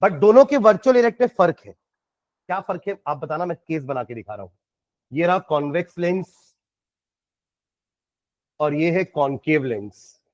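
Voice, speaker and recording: High-voiced Indian science teacher quizzing students. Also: male voice, expressive, a little slow, long pauses, no room sound, muffled recording. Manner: explains step by step, quizzing students. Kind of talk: classroom lecture solving problems.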